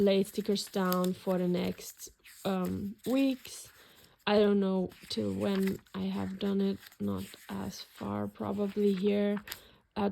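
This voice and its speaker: Her medium-pitched voice is creaky and somewhat dark, with slight background noise behind it. A native German speaker and journaling vlogger, she rambles hesitantly through a journal flip-through with lots of fillers.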